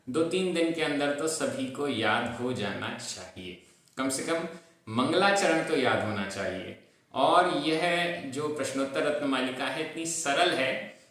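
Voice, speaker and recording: A man's voice: mid-range voice, fairly bright tone. A man teaching a lesson on reciting verses, patiently repeating syllables to drill their pronunciation. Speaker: Prakrit teacher. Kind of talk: recorded lesson on chanting and meaning of Sanskrit verses. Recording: very echoey room.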